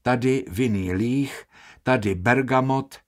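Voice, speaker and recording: A man voicing a strange young perfume apprentice with a croaking, creaky voice, speaking pushily and insistently. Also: medium pitch, close to an everyday voice. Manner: pushy, insistent repetition.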